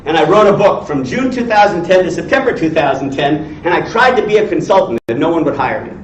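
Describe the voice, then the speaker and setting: A man's voice: on the high side, animated, quick pace. A man in his sixties giving an informal, blunt lecture to a class, teasing and quizzing his listeners in salty language. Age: 60s. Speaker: entrepreneur lecturer. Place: indoor teaching room with audience. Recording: echoey room, distant mic, dull, faint noise.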